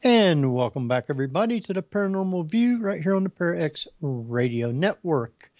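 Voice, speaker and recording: A man hosting a casual radio talk show, with a hesitant, halting delivery. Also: on the high side, sing-song, a little mellow. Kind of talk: casual live radio interview. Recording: dull lo-fi radio feed.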